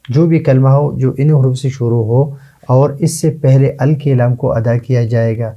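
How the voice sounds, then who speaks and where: A man teaches Arabic letters, stretching each example word out slowly and then asking and answering his own questions. His voice is very dark and mellow. The recording sounds dull and lo-fi. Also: mid-range voice. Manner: slow, drawn-out repetition of example words. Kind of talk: classroom lesson.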